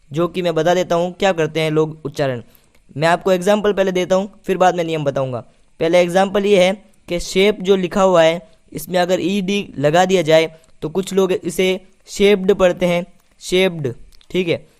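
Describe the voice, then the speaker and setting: A man's voice: high-pitched, darkish tone, clean tone. A man teaching English pronunciation, patiently repeating each point and asking it back as a question. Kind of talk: spoken lesson.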